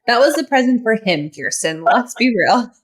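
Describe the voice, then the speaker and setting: A woman co-hosting a podcast, chatting casually and teasing her co-host with quick interjections. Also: fairly high pitch, sing-song, slightly rough. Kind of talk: casual chat.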